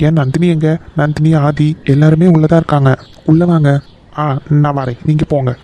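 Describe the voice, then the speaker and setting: A man's voice: a little high, fairly even intonation, normal speed, dark tone, natural voice. A man voicing a polite young son-in-law in a cartoon, urgently coaxing his in-law to come inside. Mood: earnest, coaxing. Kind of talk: Tamil cartoon voice acting.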